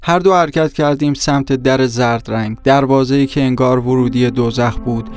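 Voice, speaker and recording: Smooth-voiced male audiobook narrator. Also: medium pitch, fairly even intonation, a little mellow, no room sound, soft background music. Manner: measured, descriptive storytelling.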